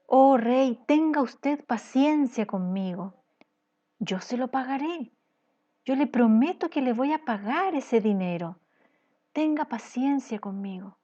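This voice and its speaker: Lady voicing a desperate servant guy begging a king, pleading over and over, highish voice, dull lo-fi sound. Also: lively intonation, takes it slowly, mellow. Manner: pleading, repetitive.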